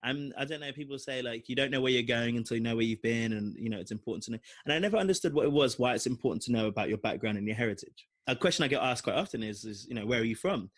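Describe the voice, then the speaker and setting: Rapid-fire with few pauses, a medium-pitched young man from London tells a long personal story in his London accent. The podcast co-host rambles animatedly through the casual storytelling chat, using lots of fillers.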